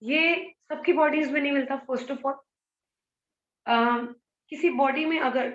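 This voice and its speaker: A woman's voice: sits high, slow, a bit bright, roomy sound, dull audio. A woman teacher explaining a biology lesson, switching between Hindi and English and asking her students rhetorical questions. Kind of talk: online biology lecture.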